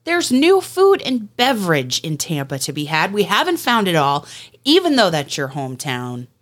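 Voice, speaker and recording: A woman hosting a casual podcast, bubbly and expressive, laughing easily as she chats. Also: fairly low pitch, normal speed. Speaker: podcast host.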